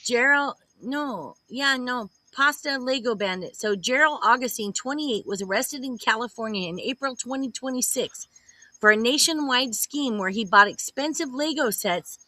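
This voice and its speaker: A woman's voice: fairly high pitch, animated, pushed and bright, no echo, rough recording. A woman hosting a comedic news roundup over a video call, chatty and sarcastic as she reads headlines. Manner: chatty, sarcastic, quick to joke. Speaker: host.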